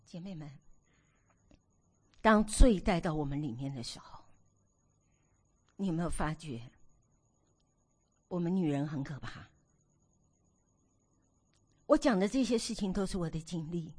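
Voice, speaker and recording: A woman in her sixties preaching to a women's meeting, telling stories from her own marriage with animated, theatrical delivery. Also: on the low side, a little slow, pauses often, husky. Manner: animated storytelling, acts out her own past nagging. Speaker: women's ministry speaker.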